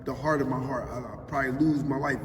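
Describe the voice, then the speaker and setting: A Philadelphia man in his 40s, heard as an interviewee giving casual answers, speaks fast at a medium pitch with a steady tone. His talk is emphatic street talk, often tagged with "you know what I mean". The distant mic catches roomy echo in a large public hall, with faint music and ambience behind him.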